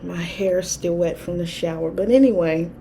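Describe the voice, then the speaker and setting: Lady rambling on camera, kinda low voice, faint hiss behind. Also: normal speed, gravelly, dark tone. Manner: candid, rambling, with frequent fillers and laughs. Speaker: spiritual vlogger. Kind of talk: casual personal talk to camera.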